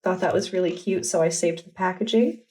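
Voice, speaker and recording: A young adult woman vlogger chatting in a relaxed, enthusiastic way as she walks through her journal. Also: on the low side, brisk. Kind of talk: casual vlog narration.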